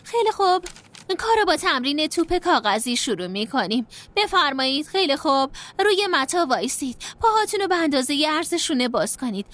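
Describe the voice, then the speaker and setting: A woman playing a calm instructor who guides a group through breathing and movement exercises, in dubbed film dialogue. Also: high voice, dry recording. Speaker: therapy class instructor.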